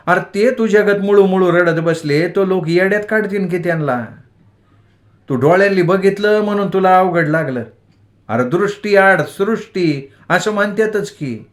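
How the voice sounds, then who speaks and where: A man puts on a fond village mother in a storybook reading, her voice lifted well above his own and sounding lively. She coaxes and chides in homely country speech, scolding only out of love. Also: high-pitched, normal speed, voice pushed up, close to an everyday voice. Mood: coaxing, tender. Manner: coaxing, chiding village dialect. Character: affectionate rural village mother, scolding tenderly. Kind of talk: dramatized audiobook storytelling.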